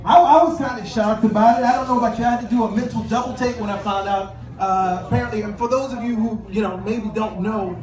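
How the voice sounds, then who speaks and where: A man with a very high voice performs a stand-up set, chatting through his stories and slipping into the voices of the people in them. He pauses often with "uh" between thoughts. The recording is roomy and taken from a distance. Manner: conversational storytelling with filler pauses, acts out both sides of dialogues. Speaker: stand-up comedian. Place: comedy club stage with audience laughter. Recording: echoey room, from a distance, noisy.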